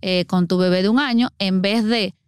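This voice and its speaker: A woman's voice: medium pitch, normal speed, smooth, no echo, clean studio sound. Woman explaining water safety. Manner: earnest, explanatory, acts out everyday scenes. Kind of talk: podcast interview explanation.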